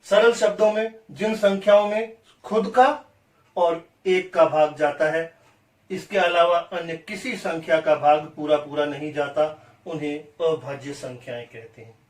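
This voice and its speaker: Male maths teacher, unhurried, patient repeats, roomy echo, mic at a distance. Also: a little high, fairly even intonation. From India. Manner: repeats definitions slowly, asks and answers own questions. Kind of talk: classroom maths lesson. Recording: echoey room, voice off-mic.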